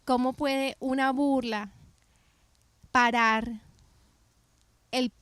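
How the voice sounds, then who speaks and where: A middle-aged woman with a bright, slightly high voice tells her story in a relaxed faith podcast conversation. She talks with energy and keeps restarting and correcting herself mid-sentence. The sound is close and dry, with no room echo. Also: extremely slow, clean tone. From Colombia. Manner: animated storytelling with many restarts and self-corrections. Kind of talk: casual faith podcast chat.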